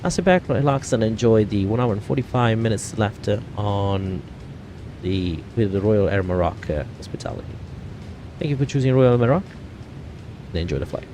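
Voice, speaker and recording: A man's voice: fairly low pitch, lively intonation, mellow, a little hiss or hum, natural voice. A man playing an airline captain making a cabin announcement, with many hesitations. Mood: polite. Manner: hesitant, halting, filled with "uh". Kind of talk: mock pilot announcement on a flight sim stream.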